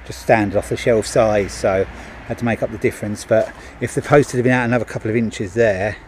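In a lowish voice that runs a little fast with fairly even intonation, a middle-aged handyman chats about his completed work at a driveway gate. His on-the-job narration is casual and full of ums and restarts, with a little hiss or hum on the body-worn action camera.

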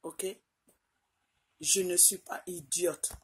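This middle-aged vlogger from Côte d'Ivoire has a fairly low, steady voice and a slow pace, with a little hiss or hum in the sound. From a small room, she speaks into her phone camera at arm's length in an Ivorian French accent. She is insistent, repeating points and asking "ok?" over and over.

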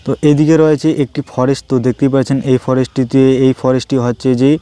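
With a warm, mid-range voice and a steady tone, this West Bengal travel vlogger talks fast over faint background music. He narrates roads and places in repetitive, off-the-cuff phrasing.

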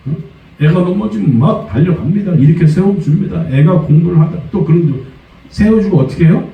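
A pastor preaching a Sunday sermon, lively, slipping into high acted voices for quoted complaints. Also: male voice, a little fast. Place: church sanctuary. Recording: dull, echoey church sound from a distance.

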